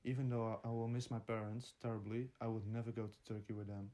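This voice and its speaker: A man's voice: fairly low pitch, level tone, quick pace, mellow. A nineteen-year-old man from the Netherlands, answering interview questions in plain, earnest sentences. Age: teens.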